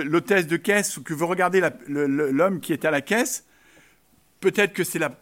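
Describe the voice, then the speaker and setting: Male preacher with a high voice, chatty, and jokey asides to the congregation. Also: a bit bright. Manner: conversational and joking, with asides to the congregation; emphatic, repeating key phrases. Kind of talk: sermon.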